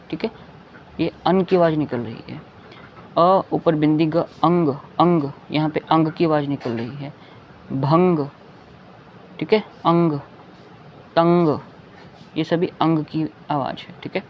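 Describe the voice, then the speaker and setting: A man teaching a lesson, patiently repeating each sound and often checking that listeners follow. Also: a little high. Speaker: Hindi teacher. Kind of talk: slow explanatory lesson. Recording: dull lo-fi recording with faint background noise.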